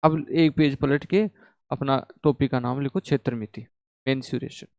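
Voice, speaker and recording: A young man teaching a math class, talking lively and often checking with his students. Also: medium pitch, moderate pace, creaky, no echo. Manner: animated, repeats "ठीक है?" to check the class. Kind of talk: classroom lecture.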